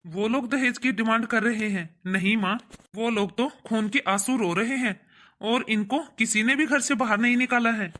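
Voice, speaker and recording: A woman voicing a young adult son in a cartoon, who speaks calmly and reasons patiently with his mother. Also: fairly high pitch, moderate pace, close to an everyday voice. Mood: reasoning. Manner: reasoning, placating. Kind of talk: cartoon voice acting.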